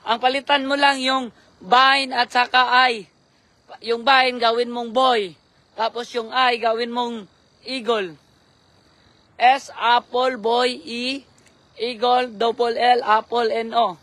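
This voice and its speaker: A hoarse man doing casual live-stream commentary on a night fishing trip, giving shout-outs and spelling names for viewers. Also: very high-pitched, little pitch movement, slow pace, no room sound. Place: outdoors at night by the water.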